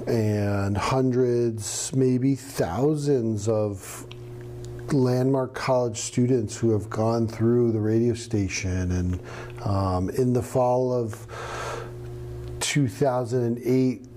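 A middle-aged man from New Hampshire, a radio professor answering interview questions in a relaxed, storytelling way with some fillers. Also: medium pitch, slight background noise. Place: studio with green screen.

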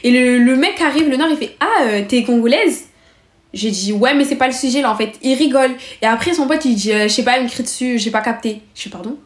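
A teenage girl telling an animated story to her viewers, acting out the people in it in a heated, fast way. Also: fairly high pitch, roomy sound. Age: teens.

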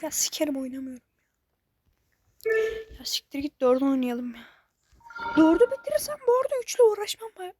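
A woman with a very high voice talks through a game as she plays it. She gets frustrated and swears at it often. A faint hiss and some clicking sit behind her voice. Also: big pitch swings, fairly quick, long pauses, mellow. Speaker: gamer. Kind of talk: casual gameplay commentary.

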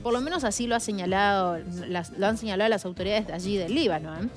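A woman co-anchoring a television news segment in a brisk, conversational newsreading style. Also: mid-range voice, over music.

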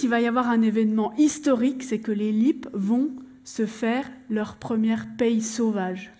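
A woman on stage telling a true story to an audience, animated and acting out the scenes as she goes. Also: a little high.

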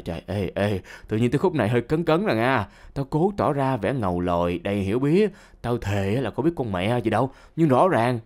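A man narrating a comic first-person story in slangy, animated talk, speaking straight to his listeners and jumping from low mutters to sudden high outbursts. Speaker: storyteller reading listener confessions.

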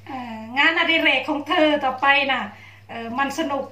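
A woman's voice: sits high, moderate pace, bright, forceful tone. A middle-aged woman from Thailand chatting playfully and casually as she narrates a home cooking vlog. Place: small home kitchen, indoors.

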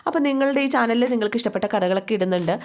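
A woman's voice: fairly high pitch, very fast. A woman casually retelling a TV serial episode in a chatty, conversational way. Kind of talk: casual story recap.

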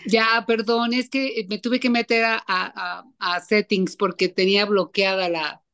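A woman's voice: medium pitch, steady tone, a little slow, a bit bright. A woman in a book discussion on a video call, sharing her thoughts casually. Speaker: book club participant.

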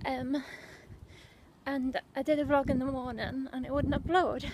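A woman's voice: high voice, little pitch movement, a little slow. A young woman, chatting casually and a little out of breath while vlogging on a windy street, full of fillers and asides. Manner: chatty, rambling with many fillers. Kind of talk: casual walking vlog. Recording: faint background noise, wind.

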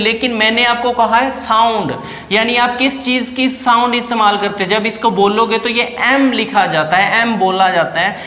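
This classroom lecture comes from a male English teacher whose voice is very high-pitched and sharp. He explains step by step and poses rhetorical questions, all in a room with long, echoing reverb.

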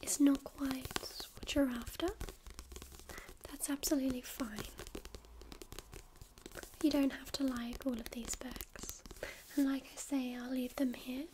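Woman in a whispered role-play as a slow, library-whispering librarian. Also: sits high, level tone, background noise. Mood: gentle, accommodating. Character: friendly, patient woman librarian recommending books. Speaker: ASMR performer playing a librarian.

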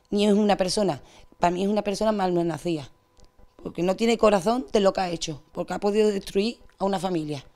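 A woman's voice: mid-range voice, darkish tone. Distressed young Andalusian woman. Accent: Andalusian Spanish. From Spain. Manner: distressed, rushed retelling. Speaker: interviewee. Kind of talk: emotional testimony.

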